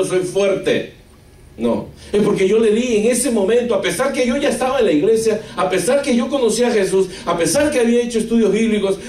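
A man from Argentina, whose voice is high-pitched and a little mellow, gives an emotional testimony as a preacher in a sermon. He speaks with an Argentine Spanish accent, repeatedly calls his listeners "brother," and asks the audience rhetorical questions. It was recorded in an echoey room with the mic far away.

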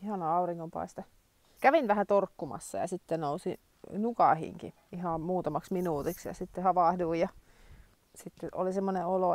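A woman's voice: on the low side, creaky, a little mellow, dry recording. A woman in her forties chatting casually in a vlog, thinking aloud with frequent fillers as she films on her phone at her rural home. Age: 40s. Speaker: vlogger.

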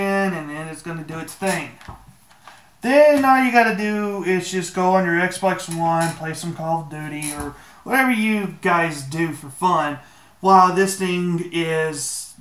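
A man with a fairly high voice walks viewers through a phone fix in a laid-back, joking tone, swearing now and then. His voice bounces around an echoey room. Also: measured pace, fairly bright tone. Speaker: tech tutorial maker. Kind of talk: casual screen-recorded walkthrough.

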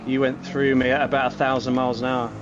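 A man with a mid-pitched voice chats casually while sim racing. He is blunt, matey and swears freely, with music and car engines clearly behind him. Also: flat delivery, fast, dull audio. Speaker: sim racing league driver. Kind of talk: casual chat during online racing.

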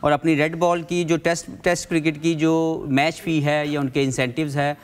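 A man's voice: fairly high pitch, flat delivery, normal speed, clean tone. A man giving cricket analysis on a studio panel, explaining his points earnestly and slipping into English phrases.

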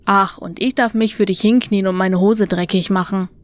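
A woman's voice: medium pitch, fairly even intonation, moderate pace, no room sound, close to an everyday voice. A woman voicing a dry-witted young man in a horror audiobook, with sarcastic, mock-indignant remarks.

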